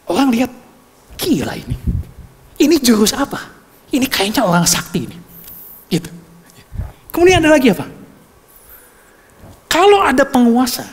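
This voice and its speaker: A woman preaching a sermon in a playful, conversational way, full of rhetorical questions and quick "ya" check-ins to the congregation. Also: on the high side, breathy edge. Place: church hall. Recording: long hall reverb.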